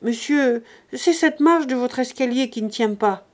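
A woman reading an audiobook, voicing a sturdy old female servant who talks blunt, hearty and loud. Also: sits high, measured pace, voice pushed up. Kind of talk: audiobook character voice.

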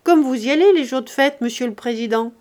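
A woman reading an audiobook, voicing a stingy old man who is a gruff master of his house and speaks loud and bossy. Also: sits high, a little fast, voice pushed up, lightly acted. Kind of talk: audiobook character voice.

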